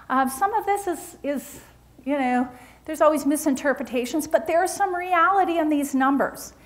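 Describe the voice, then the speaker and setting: A woman presenting research at a forum, talking through slides in an animated, emphatic way with frequent restarts. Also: high voice. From Utah.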